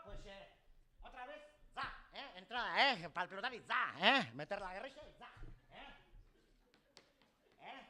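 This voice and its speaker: A comedian playing a cheeky, rambling Basque villager who speaks Spanish with a Basque accent, drops in Basque words and tags nearly every phrase with "eh?". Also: male voice, extremely high pitch, sharp tone, exaggerated voice. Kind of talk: comic character monologue.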